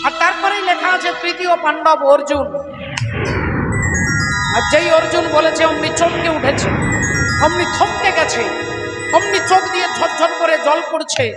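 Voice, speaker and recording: A woman's voice: very high-pitched, normal speed, long pauses, recorded from a distance. A woman, singing and telling a devotional kirtan story with dramatic, acted-out speeches. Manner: dramatic, acts out the mother and son in turn. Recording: echoey hall with loud music. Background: violin and devotional music.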